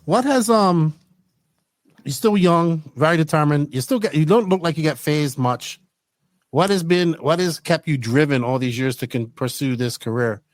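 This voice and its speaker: A man hosting a casual podcast in a somewhat high voice. He jumps in with quick, chatty follow-ups. The sound is close and dry. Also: no room sound. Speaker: podcast host.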